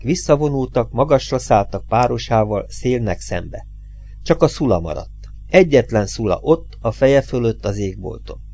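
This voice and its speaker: A man's voice: mid-range voice, a little mellow. A man reading a suspenseful story aloud as an audiobook, with tense, dramatic emphasis. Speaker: audiobook reader.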